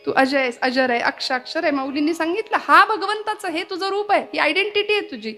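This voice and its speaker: High-voiced woman giving an impassioned devotional sermon. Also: fairly quick, sharp tone, faint music behind. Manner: impassioned storytelling, chant-like recitation. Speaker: kirtan performer. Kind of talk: devotional kirtan sermon with Sanskrit recitation.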